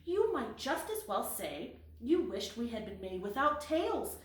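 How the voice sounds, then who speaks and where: A woman's voice: on the high side, very animated, measured pace. A woman voicing an earnest, serious eldest kitten. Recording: roomy echo, mic at a distance.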